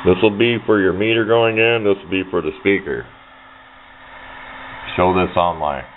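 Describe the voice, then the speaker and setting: This hobbyist shows off electronics in a casual, homespun tutorial that tends to ramble. His voice is low-pitched and steady, moving at a moderate pace. There's faint noise in the background of the dull, lo-fi recording.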